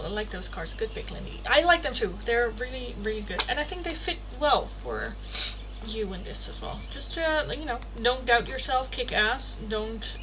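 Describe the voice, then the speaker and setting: Against a noisy background, a young Dutch woman with a fairly high voice and a Dutch accent chats casually on a livestream. A tarot reader from the Netherlands, she reads oracle card text aloud, laughs often, and swears casually.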